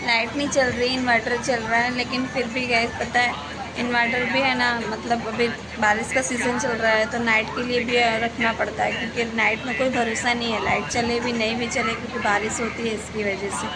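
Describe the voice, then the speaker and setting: Chatty young mom vlogging at home. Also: female voice, flat delivery, a little fast, over a noisy crowd. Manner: chatty, addresses viewers as guys, shifts to high sing-song with her child. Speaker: vlogger, mother. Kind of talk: casual home vlog to viewers. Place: home during a power cut, fan or inverter running. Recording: clear background noise at home.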